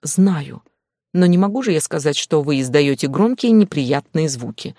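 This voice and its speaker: Brief: male narrator voicing a gentle young woman, hushed and pleading, dry close recording. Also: low-pitched, animated, moderate pace, no echo. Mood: polite. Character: gentle, polite young female assistant.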